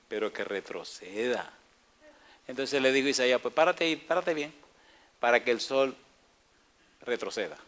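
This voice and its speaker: A pastor preaching a sermon with animated delivery, asking the congregation questions and acting out dialogue in playful voices. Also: male voice, medium pitch.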